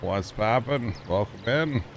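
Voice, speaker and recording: A man with a fairly low voice chats casually with his viewers as he plays. His voice comes through a livestream headset mic. He talks in a relaxed, chatty way, with a faint hiss underneath. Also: slow pace. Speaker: livestreamer playing a farming game. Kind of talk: casual livestream chat and game talk.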